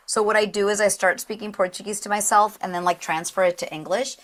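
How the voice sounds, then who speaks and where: A woman voice actress talking casually as an interview guest. Her voice is naturally low, and she speaks in an animated way with frequent fillers and sudden character voices. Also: fast.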